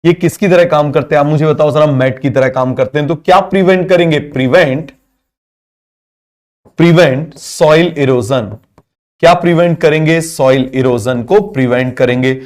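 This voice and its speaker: A male biology teacher keeps asking questions in class and has students repeat the answers, blending English terms into his Hindi. His voice is on the high side, with a darkish tone and a moderate pace.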